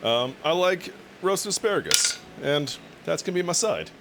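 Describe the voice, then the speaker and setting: A man's voice: on the high side, sing-song, normal speed, heavy background noise. A man chatting casually with his viewers on a cooking live stream, laughing often and swearing now and then.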